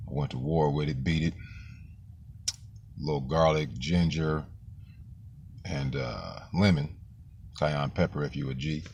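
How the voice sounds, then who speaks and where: A man talking casually in a loose, slangy monologue, his voice deepened and roughened by the flu. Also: unhurried, long pauses, a little mellow, a little hiss or hum. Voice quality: very deep, gravelly voice. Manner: loose, street-slang talk with frequent fillers and swearing. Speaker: vlogger.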